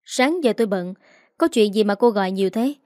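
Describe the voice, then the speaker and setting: A woman's voice: medium pitch, animated, brisk, a little mellow, no room sound, clean studio sound, close to an everyday voice. A woman doing a curt bossy young man. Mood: brusque. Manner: terse, commanding.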